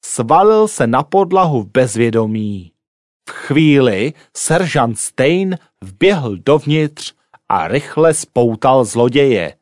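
A man reading a story aloud as a narrator, with clear, expressive delivery. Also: medium pitch, dry recording, clean studio sound.

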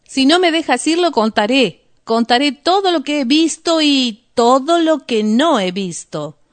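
Woman doing a jittery male crook, storybook reading, higher-pitched, loud and pleading, dry close mic. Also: unhurried, no room sound. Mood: nervous. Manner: pleading, excitable. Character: nervous shifty male thief posing as mover.

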